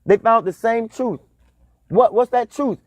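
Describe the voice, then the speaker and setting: Emphatic high-voiced spiritual teacher, man. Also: measured pace, no echo. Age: 30s. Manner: repetitive, emphatic, preacher-like cadence. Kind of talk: spiritual talk on dream symbols.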